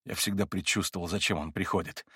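A man voicing a feverish, tormented young man in an audiobook, husky and agitated, rising into anguished outbursts. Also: low voice, steady tone, fast talker, bright, forceful tone, no echo, studio quality, pitched below the performer's own voice, heavily acted. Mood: bitter. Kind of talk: audiobook character reading.

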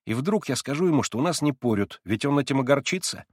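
A cocky schoolboy lectures and teases in a lively, sing-song voice, as a male reader puts him on. He speaks a bit higher than the reader's own voice. The recording is close and dry. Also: fast talker, husky, no echo. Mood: brash lecturing. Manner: brash, teasing, lecturing.

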